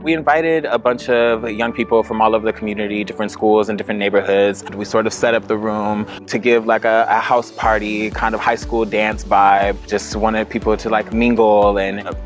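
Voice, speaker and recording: A man speaking as a program organizer in a documentary interview, in a relaxed, loose way with fillers. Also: lowish voice, normal speed, hardly any pauses, faint music behind.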